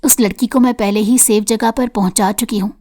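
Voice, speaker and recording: A woman voicing a worried young friend who speaks quietly and hushed. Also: a little high, steady tone, lightly acted.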